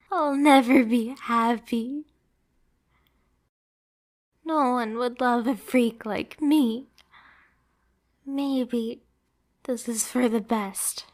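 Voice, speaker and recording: A woman uses a fairly high voice to play a lonely, jealous, unhinged pet catgirl in an emotional anime ASMR roleplay. Her delivery is dramatic and sometimes drops to a whisper.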